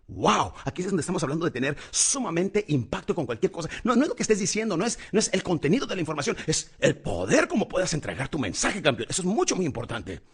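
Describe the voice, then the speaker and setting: Rich: A man coaches public speaking in a husky, lively voice that leaps from high and loud to low and soft. He talks fast and with energy, calling the listener "champion". His tone is motivational and full of dramatic pauses. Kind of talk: motivational lesson.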